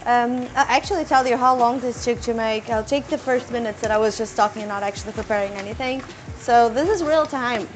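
A young woman who calls her own voice squeaky chats casually while cooking in her home kitchen for a cooking vlog, deliberately trying to talk slowly as she rambles with fillers and restarts. The recording is low-quality with a little hiss or hum.

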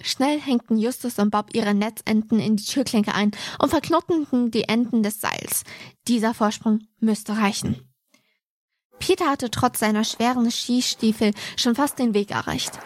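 A woman co-hosting a podcast, reading a book passage aloud in a steady, expressive way. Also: fairly high pitch, a little hiss or hum. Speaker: podcast co-host.

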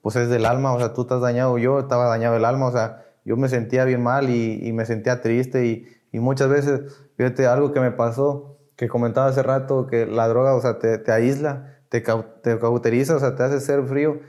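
A man's voice: mid-range voice, flat delivery, brisk, a little mellow. A young man with a Mexican accent, a podcast guest talking casually about his past, slangy and emotional, acting out the voices of people he quotes. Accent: Mexican Spanish. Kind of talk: casual conversation.

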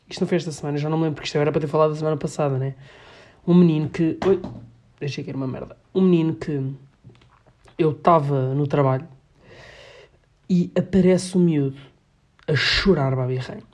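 A man's voice: on the high side, darkish tone. A young man with a European Portuguese accent, hosting a casual solo podcast, rambling and self-mocking in slangy talk. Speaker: podcast host. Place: at home.

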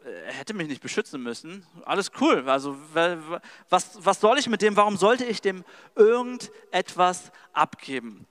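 A man's voice: high voice, expressive, moderate pace, fairly bright tone. A man voicing a scornful, wealthy male livestock owner who talks dismissively. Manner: dismissive, scoffing.

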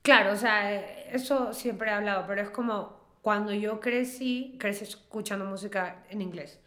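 Woman, thirties, songwriter guest, casual chat, rambling restarts, mid pitch, echoey room. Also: moderate pace, sharp tone. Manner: chatty, trails off and restarts, many fillers. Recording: roomy echo.

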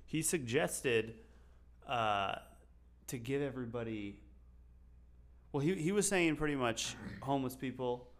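A man's voice: mid-range voice, unhurried, long pauses. A man co-hosting a casual podcast, rambling and joking with frequent laughs. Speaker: podcast co-host. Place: local to Las Vegas.

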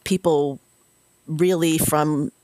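A woman's voice: low-pitched, steady tone, takes it slowly, dark tone, no room sound, clean studio sound. A woman guest on a podcast, answering reflectively with many fillers and restarts. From Washington State, US.

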